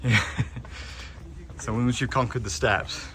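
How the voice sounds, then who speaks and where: Strolling through a lakeside village amid outdoor street noise, this young man hosts a casual travel vlog. His mid-range voice is steady and sharp in tone, and he takes his time as he chats with his companion, asking them questions along the way.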